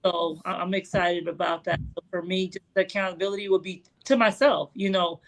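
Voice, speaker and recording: A woman's voice: fairly low pitch, fairly even intonation, brisk, low-quality recording. A woman in her late forties talking reflectively on a podcast, with many "you know" fillers. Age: 40s. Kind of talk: casual podcast conversation.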